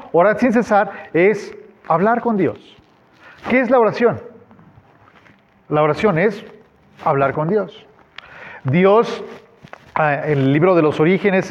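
A man's voice: sits high, lo-fi sound. Man preaching in a conversational tone. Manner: conversational preaching with fillers, acts out quotes. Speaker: pastor. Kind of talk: sermon.

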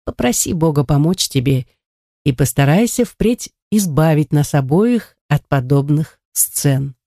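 A reader voicing a kind but firm older male teacher who speaks calmly and gently. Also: mid-range voice, measured pace, dry recording, clean studio sound, lightly acted. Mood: gentle.

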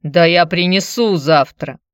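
A woman's voice: lowish voice, unhurried, dry recording, studio quality, lightly acted. A woman voicing a broke, hard-drinking man who talks in a grumbling, wheedling, pushy way.

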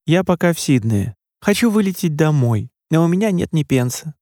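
Tearful mother in a high strained voice, a male reader doing her, dry close read. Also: very animated, normal speed, mellow, no echo. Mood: upset. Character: distraught sobbing mother, middle-aged woman.

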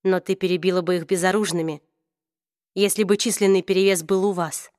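A woman reading an audiobook, voicing a calm, steady man who speaks in a measured way. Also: lowish voice, no echo, studio quality, natural voice.

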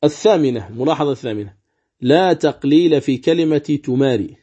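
Man, warm mellow tone, measured teaching, slow chanted examples, muffled recording. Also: mid-range voice, husky. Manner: measured, explanatory, chants words slowly as examples. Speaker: Quran recitation teacher. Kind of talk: explaining recitation rules with chanted examples. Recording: dull lo-fi recording.

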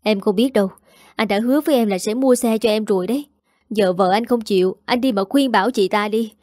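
A spoiled young sister, whining and sulking in a slightly higher voice, as a woman reading a story puts her on. The sound is mellow and close. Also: a little fast, no room sound, natural voice. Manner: whining, sulky.

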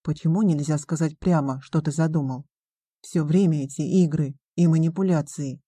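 A woman's voice: low-pitched, fairly even intonation, moderate pace, warm tone, slightly rough, no room sound. A woman reading the part of a defiant teenage son who answers bluntly and sharply. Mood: resentful.

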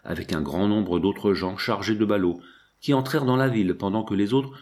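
Man reading an old french-style novel out loud, lowish voice, steady and measured. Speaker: audiobook narrator. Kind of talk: scripted audiobook narration.

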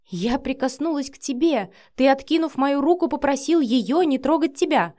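Brief: woman voicing a jealous, hot-headed young woman for an audiobook; sharp, emotional delivery. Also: high-pitched, lively intonation, moderate pace, pitched above the performer's own voice. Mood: furious.

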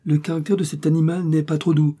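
Man voicing young stable hand, wary, chatty, warm husky tone, storybook reading. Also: a little high, flat delivery, fast, voice pushed up.

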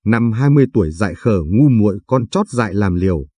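A man's voice: fairly low pitch, expressive, a little fast, warm tone, husky, no echo, studio quality. A man voicing a frightened, guilt-ridden man in his forties who begs for mercy. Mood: pleading. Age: 40s. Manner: pleading.

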